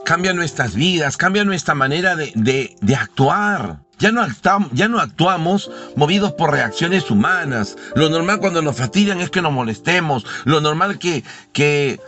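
Fervent male preacher, faint music. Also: fairly high pitch. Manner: fervent, rising to loud exclamations. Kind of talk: sermon.

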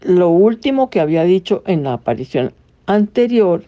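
A woman's voice: fairly low pitch, very animated, normal speed. A woman giving a conversational religious talk, explaining to her listeners and reading messages aloud. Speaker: religious teacher. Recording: dull lo-fi recording.

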